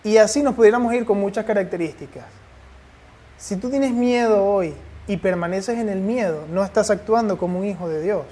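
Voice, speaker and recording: A man's voice: high voice, moderate pace, warm tone. A man preaching a sermon and then leading a prayer, pressing his listeners with urgent rhetorical questions.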